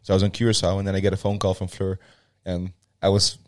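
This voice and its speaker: A man's voice: low voice, monotone, fast, no echo, clean studio sound. A young man, a gym co-founder, telling a loose, swearing story in a casual podcast chat.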